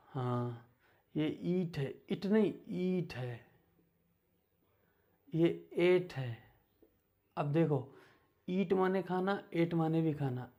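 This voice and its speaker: Slow, gravelly-voiced teacher. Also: male voice, a little high, mellow, muffled recording. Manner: slow, patient, repeats words for learners. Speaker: English teacher. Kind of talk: beginner English lesson.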